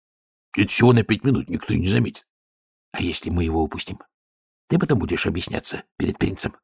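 A man voicing a frightened male guard who talks in a hurried whisper. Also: deep voice, expressive, gravelly, breathy edge, no echo, clean studio sound, exaggerated voice. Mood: hushed.

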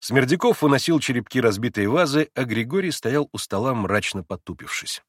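A man reading a novel aloud as an audiobook narrator, with expressive, dramatic delivery. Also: mid-range voice, brisk, no room sound, clean studio sound. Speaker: audiobook reader.

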